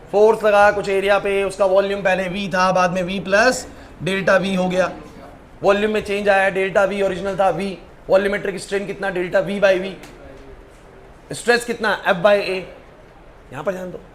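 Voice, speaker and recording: Young male physics teacher in a classroom, high voice; scolds, coaxes, quizzes pupils by name. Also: fairly bright tone, a little hiss or hum.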